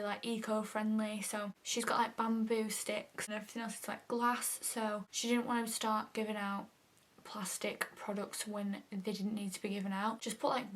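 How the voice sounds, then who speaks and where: A young woman talks through her makeup routine in a loose, chatty way. Her voice sits a little high, and she often sinks into a soft half-whisper. Her sentences are full of casual fillers. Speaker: makeup vlogger. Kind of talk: casual makeup tutorial chat.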